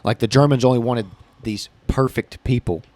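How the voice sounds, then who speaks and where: A man's voice: mid-range voice, steady tone, normal speed, darkish tone. Matter-of-fact male podcast co-host. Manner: matter-of-fact, explains with "literally" and "like". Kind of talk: casual debate chat. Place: small hot building.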